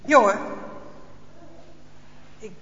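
A man voicing a calm, pious old grandfather who speaks gently and earnestly. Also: very slow. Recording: echoey hall, dull lo-fi sound.

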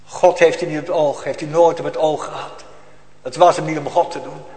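Preacher in an echoey church. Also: male voice, a little high, steady tone, a little fast. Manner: emphatic, repeats phrases, swings from loud to hushed. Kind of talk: sermon. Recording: echoey church hall with faint ambience.

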